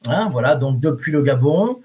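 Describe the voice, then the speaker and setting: On a live stream, a man teaches reflexology and reads his viewers' comments aloud, chatting casually with lots of fillers and restarts. His voice is fairly high and expressive, with a dark tone and a moderate pace.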